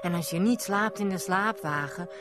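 A woman voicing a group of tired men in a dark sleeper car who speak in slow, hushed tones, over background music. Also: fairly low pitch, close to an everyday voice. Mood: weary.

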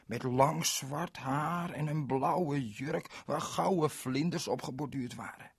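A man's voice: fairly high pitch, slow pace, creaky, husky, no echo, studio quality. A man narrating a children's story in a playful way, talking directly to the young listener.

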